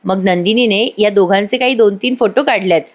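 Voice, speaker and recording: A woman's voice: medium pitch, brisk. A woman narrating a voice-over recap of a TV serial episode in a chatty storytelling manner, talking to her listeners.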